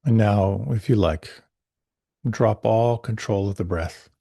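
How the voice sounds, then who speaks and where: Man, meditation teacher, husky breathy voice, close dry sound, gentle soothing guidance, unhurried. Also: lowish voice, dry recording. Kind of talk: guided meditation class.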